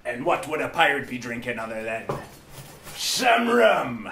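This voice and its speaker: A man's voice: mid-range voice, very animated, unhurried, gravelly, background noise. A man hosting a comedic drinking and painting show, talking like a pirate the whole way through in a hammy put-on manner. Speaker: host. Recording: roomy echo, mic at a distance.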